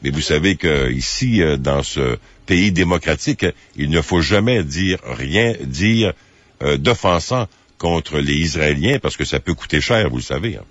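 A late-night radio host with a very low voice, talking slowly and carefully, often pausing on fillers. The sound is dry and muffled, like broadcast audio. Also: male voice, expressive, a bit bright, no echo. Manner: measured, hesitant with many fillers. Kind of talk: phone-in radio talk.

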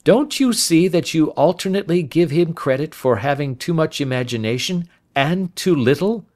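A man voicing a sharp, confident Victorian detective in an audiobook, speaking in an assured, articulate and emphatic way. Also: a little high, animated, normal speed, voice pushed up, lightly acted.

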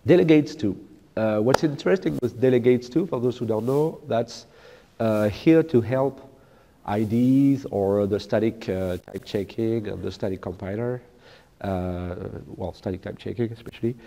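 A man giving a technical keynote talk at a conference, speaking haltingly with many fillers and restarts. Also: on the low side, warm tone, a little hiss or hum. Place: large lecture hall with audience. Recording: echoey large hall.

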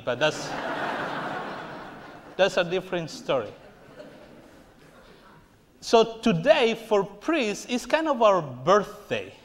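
Standing before the altar of a large church, a high-voiced male priest preaches a homily at a slow pace. He stays earnest while slipping in playful jokes at his own expense, and a distant camera at the rear of the church picks him up.

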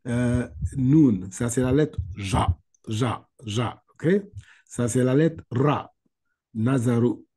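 Slow, husky man teaching letters. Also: medium pitch, dark tone. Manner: patient, repeats letters slowly for the student. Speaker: Quran reading teacher. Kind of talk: online one-on-one lesson. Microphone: video call.

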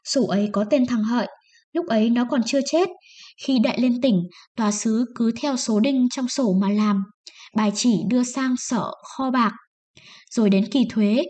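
A woman voicing a pompous male village clerk who explains the tax rules in a loud, lecturing way. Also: fairly high pitch, lightly acted.

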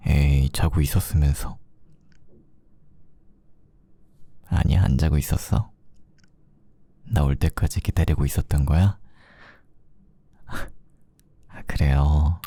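Whispered role-play: sweet, affectionate boyfriend played by a man, extremely low pitch, husky breathy murmur, intimate and gently teasing. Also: dry recording, heavily acted. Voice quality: soft, breathy. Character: sweet, doting boyfriend cuddling his sleepy girlfriend.

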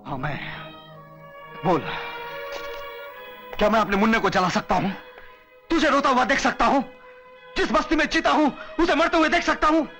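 An actor playing a young noble-thief hero who speaks in an intense, declamatory way. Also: male voice, extremely high pitch, expressive, normal speed, bright, forceful tone, soft background music, exaggerated voice. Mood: brooding. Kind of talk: Hindi film acting.

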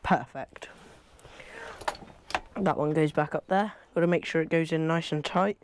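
A young English fishing vlogger chats casually to camera while working with his hands in a cluttered wooden shed, rambling as he goes. His slightly high voice is unhurried, captured on a clip-on lapel mic with background noise.

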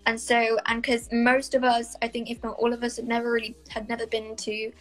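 The actress guest, a young Welsh-accented woman from South Wales, speaks fairly quickly in a monotone, on the high side and fairly bright. Over a laptop webcam video call in a small bright room, she answers interview questions casually and thoughtfully, full of fillers and hedges, in a low-quality recording.

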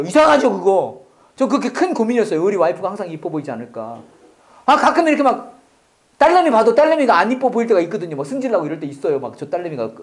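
Fast animated male pastor preaching. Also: on the high side. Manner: animated, swinging from loud exclamations to near-whispers, joking asides. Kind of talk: sermon with counseling asides.

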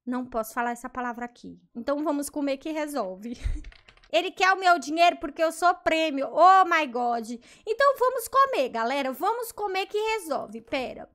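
Here the same kind of excited, casual Roblox commentary comes from a woman with a Brazilian Portuguese accent, her voice high and her pace moderate. She frequently gasps and reads aloud what other players type in chat.

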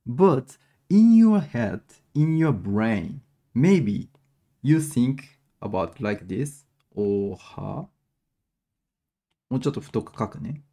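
With a medium-pitched, warm, sing-song voice, a young Japanese man teaches a lesson over a live stream from a small room at his webcam. His English is halting and Japanese-accented with frequent restarts, and he switches to rapid Japanese asides.

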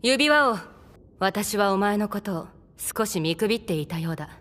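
Actress playing imperious anime warrior princess: bold, haughty, animated delivery over a clear music bed. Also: female voice, medium pitch, brisk, close to an everyday voice. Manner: haughty, commanding. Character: proud, forward beast-woman warrior princess in anime. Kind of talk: Japanese anime acting.

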